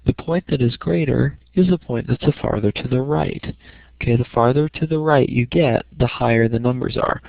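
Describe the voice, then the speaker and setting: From a small room in his house, a middle-aged man gives an informal math lesson in steps, frequently saying "okay" to make sure it's landing. The gravelly, mid-range voice comes through a dull, dry lo-fi home recording with no echo.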